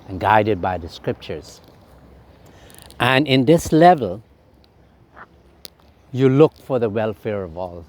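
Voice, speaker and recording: A man, a swami, gives an unhurried, reflective spiritual talk outdoors by a fountain in the morning, pausing with frequent ums. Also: fairly low pitch, darkish tone.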